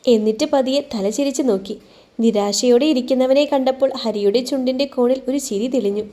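A woman reads a scripted story aloud as its narrator, steady and expressive. Her voice is fairly high with a dark, mellow tone. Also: brisk.

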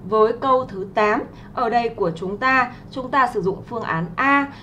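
Her voice is a little high and a bit bright, at a moderate pace with slight background noise. Livestreaming an English lesson for exam students, the young woman speaks politely and patiently, sprinkling in filler sounds and friendly tag questions while reading English words in a Vietnamese accent.

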